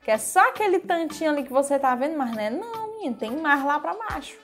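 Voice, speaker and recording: A woman's voice: sits high, expressive, fast. A young adult woman with a Brazilian accent, giving casual, chatty, exclamatory reaction commentary and prone to giggles. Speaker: reaction video host. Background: background music.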